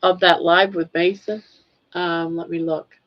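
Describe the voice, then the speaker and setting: An older woman from Maine, USA, hosts a casual livestream, rambling and laughing easily as she reads comments from the chat. Her voice is fairly low, with a flat, slightly slow delivery. The stream audio is dull and lo-fi.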